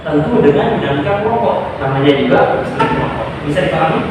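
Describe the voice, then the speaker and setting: Talking fast with a somewhat high voice and lively intonation, a man leads group counseling as a school counselor, patiently explaining and confirming that all understand. He's heard from far off in a noisy, echoing room.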